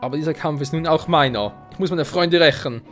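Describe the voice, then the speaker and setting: A man's voice: on the high side, fairly quick, fairly bright tone, soft background music, natural voice. A man reading an earnest young rider. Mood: urgent. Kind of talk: reading game dialogue aloud in a let's play.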